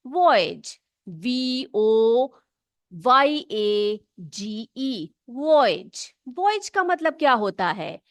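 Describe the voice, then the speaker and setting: A woman teacher from North India, explaining English words and spelling them out slowly, often checking whether the pupils follow. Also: a little high, no room sound, clean studio sound. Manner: slow, drawn-out spelling and frequent check-ins with pupils. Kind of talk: classroom English vocabulary lesson.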